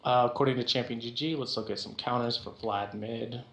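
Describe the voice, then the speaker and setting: A man's voice: medium pitch, steady tone, fairly quick, fairly bright tone. A man chatting casually with his gaming team as they plan their picks. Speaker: team player planning champion picks. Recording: roomy, echoey voice-chat sound.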